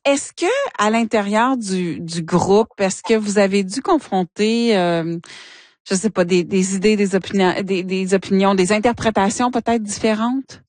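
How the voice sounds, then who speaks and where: A woman hosting an interview, asking engaged questions with some halting restarts. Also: medium pitch, a little mellow, no echo. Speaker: interviewer, host. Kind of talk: radio interview.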